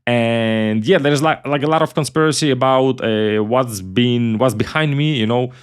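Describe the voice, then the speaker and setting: A man's voice: medium pitch, normal speed, smooth. Tutorial host: a man. Casual and chatty, repeats himself, swears offhandedly. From Ukraine. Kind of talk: casual screen-recorded software tutorial.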